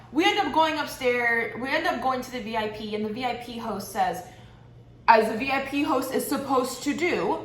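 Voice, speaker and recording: A woman's voice: a little high, a bit bright. A young woman vlogger telling a story in a casual monologue, candid and blunt, with profanity and sarcastic asides. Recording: echoey room with faint ambient noise.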